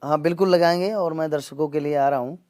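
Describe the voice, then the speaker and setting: Male comedian, earnest interview guest, a bit high-pitched. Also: quick pace, a little mellow. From Gonda region, northern India. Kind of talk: interview answers.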